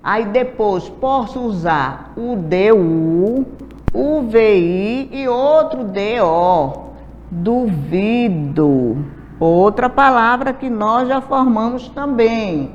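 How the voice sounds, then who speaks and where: Woman teacher from brazil, super slow, spells out every syllable, kinda muffled lo-fi sound w/ a bit of hiss and room echo. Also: a little high, lively intonation. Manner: patient, drawn-out, sounds out letters one by one. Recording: dull lo-fi audio, faint hiss, reverberant room.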